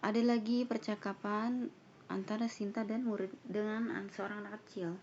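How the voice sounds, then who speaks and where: Woman teacher for an online English lesson, reading lines slowly and then translating, with a dull, faintly noisy recording. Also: mid-range voice, flat delivery, a little mellow. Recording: dull lo-fi sound with faint noise.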